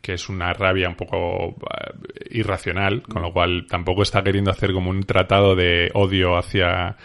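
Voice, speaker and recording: A man's voice: low-pitched, level tone, normal speed, a bit bright. A man with a Spain Spanish accent hosting a casual book podcast, rambling and correcting himself as he talks. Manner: rambling, self-correcting, informal. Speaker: podcast host.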